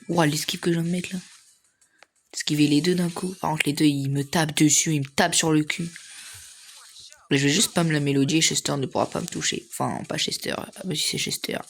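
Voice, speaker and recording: A young man giving casual, slangy commentary over his own gameplay, excitable and laughing often. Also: fairly high pitch, creaky. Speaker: gaming video creator.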